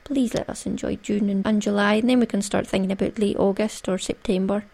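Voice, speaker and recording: A woman with a Scottish accent hosts a chatty craft podcast. Her voice sits at a middling pitch with noticeable creak. She talks in a playful, jokey, conversational way, as if straight to her listeners. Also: fairly even intonation, fairly quick, a little mellow. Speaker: podcast host.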